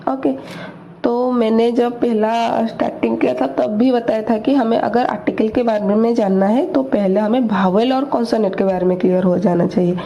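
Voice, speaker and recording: A woman teaching English grammar, explaining slowly and repeating each word, asking questions and answering them herself. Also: on the high side, steady tone, mellow. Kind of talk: slow explanatory lesson in Hindi. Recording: dull lo-fi recording with faint noise.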